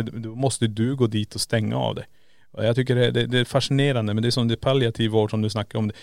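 A man with a gravelly, fry-tinged voice co-hosts a casual podcast chat. He muses out loud and poses rhetorical questions. The sound is dry and close. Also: medium pitch, dry recording. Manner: musing, asks rhetorical questions. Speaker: podcast co-host. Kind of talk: casual conversation.

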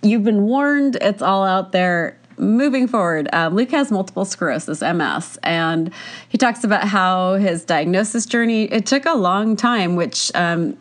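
A woman's voice: mid-range voice, measured pace. A woman hosting a podcast, chatting casually through a cold, with a congested, stuffy nose and a tired sound. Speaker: podcast host. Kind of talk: casual podcast episode introduction.

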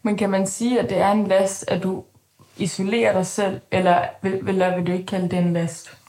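A woman's voice: mid-range voice, flat delivery, darkish tone, roomy sound. A woman interviewing a guest, asking probing follow-up questions. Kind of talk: conversational interview.

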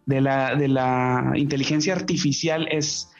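Chummy host, slightly dull audio. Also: male voice, mid-range voice, fairly even intonation, measured pace. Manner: chummy, slangy, rambling with restarts. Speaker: podcast host. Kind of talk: casual podcast chat.

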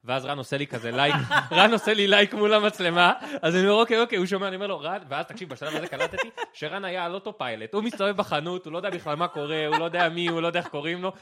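A young man co-hosting a podcast, telling a story in a casual, animated way and laughing often. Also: sits high, few pauses. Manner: animated, laughing storyteller, shouting quoted lines. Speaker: podcast co-host.

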